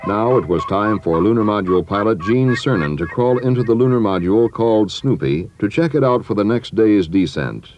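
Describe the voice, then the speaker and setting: A low-voiced man narrates a documentary with measured, dramatic pauses. His delivery swings expressively in pitch, over background music. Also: animated, darkish tone, muffled recording.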